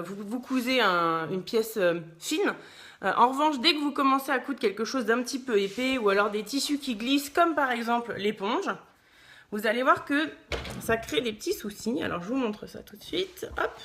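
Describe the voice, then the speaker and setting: Woman from France, slightly high voice, chatty live sewing teacher who greets viewers and fills pauses while working at her machine. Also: bright, forceful tone. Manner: chatty, thinks aloud with many fillers, greets viewers.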